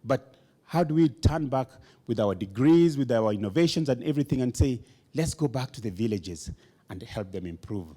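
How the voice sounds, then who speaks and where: A man's voice: mid-range voice, lively intonation, normal speed, dark tone. A man giving a rousing conference speech in a hall, emphatic, leading the audience in call-and-response chants. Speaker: motivational speaker.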